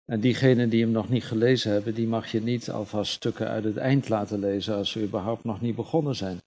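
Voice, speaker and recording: A man's voice: on the low side, fairly even intonation, a little fast, a little mellow. A man speaking unscripted at a book reading, explaining and searching for his words. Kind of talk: unscripted talk about a novel.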